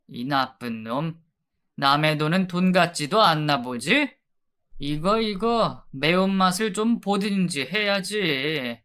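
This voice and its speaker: A woman voicing a rough, threatening male debt collector who yells and bullies. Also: on the low side. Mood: menacing. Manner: threatening, yelling.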